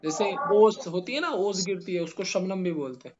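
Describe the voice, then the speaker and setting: Male teacher, classroom lesson, spells letters out slowly, quizzes students, muffled recording, faint hiss. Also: sits high. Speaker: Urdu grammar teacher.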